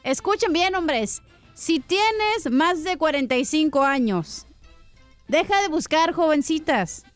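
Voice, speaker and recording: A woman's voice: sits high, expressive, slow pace, no echo, soft background music. A woman co-hosting a radio show, sassy and mocking. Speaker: radio co-host. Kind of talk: joke-telling radio banter.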